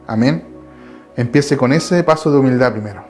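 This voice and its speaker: A man's voice: mid-range voice, moderate pace, darkish tone, faint music behind. A man with a Chilean Spanish accent preaching a Bible study from his home, earnest and repeating his phrases. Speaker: lay preacher.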